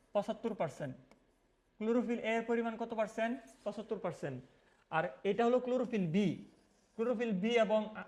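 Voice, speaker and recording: A male biology teacher, lecturing and answering his own questions while repeating key terms. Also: sits high. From Mymensingh, Bangladesh. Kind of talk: classroom lecture.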